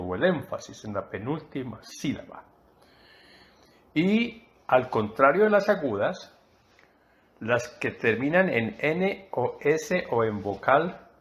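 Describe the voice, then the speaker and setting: Guy teaching a spanish class, talks real slow and careful, mid pitch, keeps repeating the key words. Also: fairly bright tone. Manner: deliberate, repeats key terms for emphasis. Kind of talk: slow explanatory lesson.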